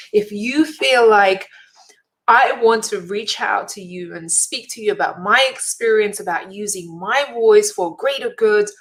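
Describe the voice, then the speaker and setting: A woman with a medium-pitched, fairly bright voice speaks straight to her viewers in an earnest, motivational talk. She's a speaker and event host, and she leans heavily on emphatic repetition.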